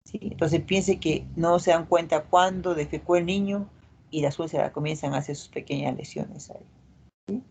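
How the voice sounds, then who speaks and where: A woman's voice: low-pitched, fairly even intonation, normal speed, creaky, a little mellow, slight background noise, rough recording. A middle-aged woman doctor, lecturing a class and checking in with tag questions. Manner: explanatory, frequent tag questions.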